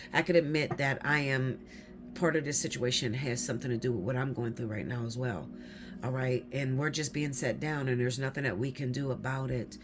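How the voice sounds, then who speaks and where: Blunt, swearing woman reading tarot cards. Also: very deep voice. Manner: blunt, swears freely, repeats "okay?". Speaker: tarot reader. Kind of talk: casual tarot reading to viewers.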